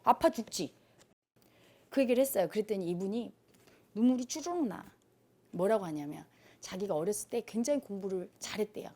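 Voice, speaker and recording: A woman's voice: mid-range voice, brisk, pauses often. A woman giving a spiritual lecture to a group, telling stories and acting out the people in them. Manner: animated storytelling, acting out quoted people. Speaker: spiritual teacher.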